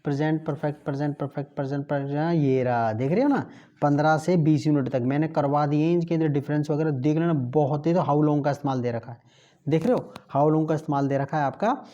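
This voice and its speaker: A man teaching an English grammar lesson in Hindi, slowly drilling example sentences and repeating each one in Hindi. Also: fairly high pitch, dark tone. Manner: chatty, mutters while flipping pages. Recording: dull lo-fi recording.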